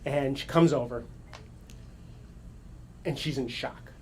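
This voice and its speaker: A man telling an animated, excited story to an audience at a gathering, with quick self-corrections and laughs. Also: medium pitch, slight background noise. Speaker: coach and speaker.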